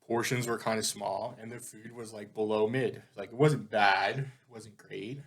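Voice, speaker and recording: A man's voice: on the low side, fairly even intonation, a bit bright. Rambling man on a casual podcast. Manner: rambling, filler-heavy, giggly; rapid-fire questioning. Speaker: podcast co-host. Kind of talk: casual chat.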